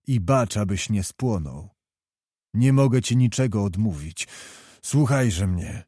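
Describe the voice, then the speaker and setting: A man voicing a proud, despotic prince and commander who speaks in a cold, slow, commanding manner in a storybook reading. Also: medium pitch, warm tone, dry recording, studio quality, close to an everyday voice.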